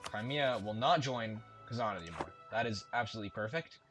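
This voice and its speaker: Brisk and expressive, a man with a lowish, fairly bright voice commentates casually as he plays a strategy game. It's let's-play talk: he thinks aloud, stays chatty, and keeps correcting himself, backed by game music and keyboard typing.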